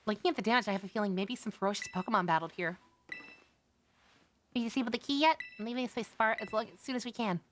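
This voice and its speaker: Man putting on a high, anxious teenage student. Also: fast, a bit bright, slight background noise. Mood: nervous.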